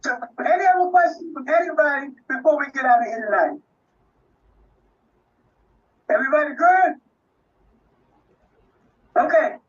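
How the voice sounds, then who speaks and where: A man in his sixties closing a live online class as the instructor, halting and full of fillers and restarts. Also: very high voice, lively intonation, highs cut off. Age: 60s.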